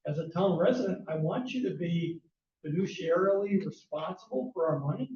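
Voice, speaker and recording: A man's voice: high voice, expressive, moderate pace, a little mellow. A man giving public comment at a town hearing, pressing pointed questions insistently. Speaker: resident speaking at a public hearing. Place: echoey town meeting hall. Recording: distant, echoey, dull hall recording.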